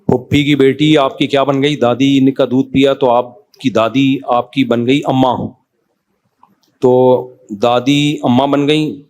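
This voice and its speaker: A man in his role as a cleric, giving a casual religious talk with an animated, conversational delivery that rises in pitch for emphasis. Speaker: Islamic cleric answering questions.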